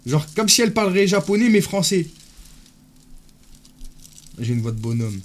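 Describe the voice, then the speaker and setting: A man chatting casually on a live stream, teasing and joking with his viewers in loose banter. His voice sits a little higher than most men's. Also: big pitch swings, moderate pace.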